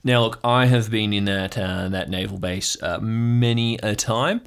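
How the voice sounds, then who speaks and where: A scatterbrained older uncle, put on by a man, rambles about cover-ups in a conspiratorial hush that keeps drifting off track. The voice sits low. It is an improvised tabletop role-play. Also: measured pace, creaky, clean tone.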